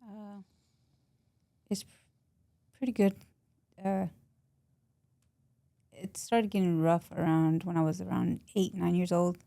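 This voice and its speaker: Woman from Texas, interview guest, low flat gravelly voice, soft-spoken plain answers. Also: no room sound, studio quality. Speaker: podcast guest.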